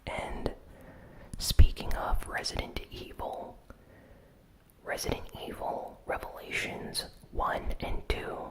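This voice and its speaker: In a breathy, unvoiced whisper, a host softly recaps gaming news in a casual, measured ASMR style. The recording is rough.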